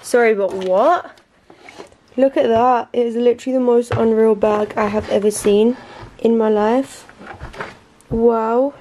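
A woman's voice: on the high side, steady tone, a little slow, pauses often, dark tone, slight background noise. A young woman talking in a gushing casual vlog, groggy from just waking up. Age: young adult. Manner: gushing, says "literally" and "wow" a lot. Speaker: vlogger.

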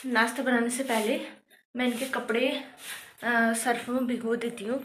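A woman's voice: a little high, fairly bright tone, echoey room. Chatty woman vlogging household chores. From Uttarakhand, India. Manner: chatty, narrates household chores as she works. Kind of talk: casual vlog narration. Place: home kitchen. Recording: noisy home recording.

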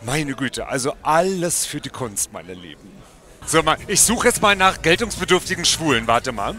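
A man's voice: fairly high pitch, very animated, moderate pace, sharp tone. A man speaking as a campy drag queen host, chatting casually on a roving vlog with music behind. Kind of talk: roving vlog chat with interviews. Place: outdoor Christmas market and small backstage booth. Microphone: headset.

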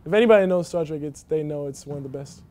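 A man's voice: on the high side, quick pace, warm tone, a little hiss or hum. A young man from Germany, a college basketball player, answering interview questions casually with many fillers and restarts. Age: young adult. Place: empty indoor basketball arena.

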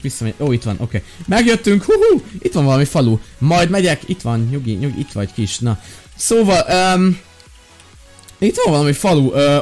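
A man's voice: fairly high pitch, darkish tone. A young man chatting casually while playing a game, joking and sounding exasperated as he talks to his companions. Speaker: Minecraft gaming video host. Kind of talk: casual gameplay chat. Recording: faint background music.

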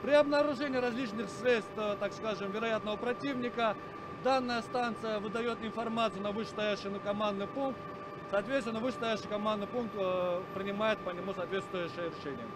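A serviceman giving a halting, formal interview explanation, searching for words. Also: high-pitched, steady tone. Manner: hesitant, formal. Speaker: radar station serviceman. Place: cramped military equipment cabin. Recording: clear equipment and vehicle-like noise.

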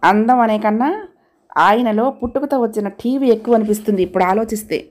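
Woman, storyteller, reading a family story aloud, even unhurried narration. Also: a little high.

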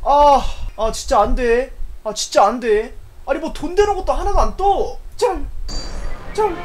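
A woman's voice: high-pitched, measured pace, faint music behind. A woman streaming a game live, opening loot boxes, swearing and exclaiming in frustration, and reading out viewer donations. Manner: exasperated, swearing, loud groans and exclamations; reads viewer donation messages aloud.

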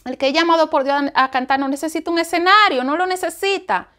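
A woman giving an informal Bible study talk, animated and repeating phrases for emphasis. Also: high-pitched, fast.

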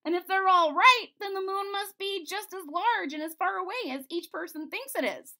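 A woman voicing a clever, gentle male court jester in a storybook reading, talking in a bright, coaxing way. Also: extremely high pitch, normal speed, voice pushed up, full character voice. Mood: earnest, coaxing.

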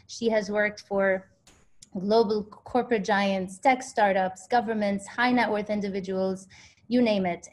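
A young woman hosting a webinar over a video call, introducing the guest in an upbeat way with frequent fillers. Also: mid-range voice. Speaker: webinar host. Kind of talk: host introduction.

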